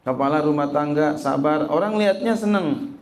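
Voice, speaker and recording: An Islamic teacher with a somewhat high voice speaks at a moderate pace, with slight background noise. He delivers a lively sermon on a religious text, repeating his points, posing questions to the audience and answering them himself, and reading Arabic phrases before translating them.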